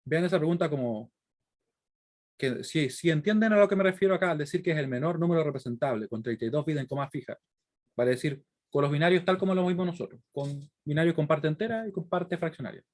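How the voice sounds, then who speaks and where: Talking at a quick pace in a darkish, slightly high voice, a male lecturer with a Chilean accent reasons aloud through worked examples for his university students. His teaching is didactic, punctuated by frequent short check-in questions.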